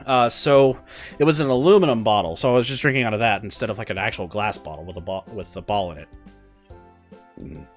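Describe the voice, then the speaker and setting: A young man vlogger telling a story in a casual, rambling way, excitable and full of fillers. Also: fairly low pitch, fast talker, soft background music.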